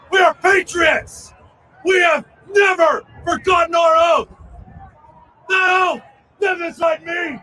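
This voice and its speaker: A man giving an impassioned protest speech at an outdoor rally, shouting slogans in short bursts as a rally speaker. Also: very high voice. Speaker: rally speaker, veterans' group organizer. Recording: distant outdoor recording with crowd noise. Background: crowd and street noise.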